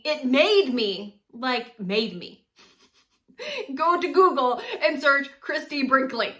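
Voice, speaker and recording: A vlogger in her forties talks directly to her viewers in a casual, lively, animated way, frequently bursting into laughter. Her high voice sounds bright and forward.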